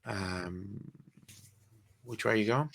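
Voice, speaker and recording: A man's voice: on the low side, slow pace, gravelly, fairly bright tone. Man running a tabletop game. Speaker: game master. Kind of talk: casual tabletop game narration.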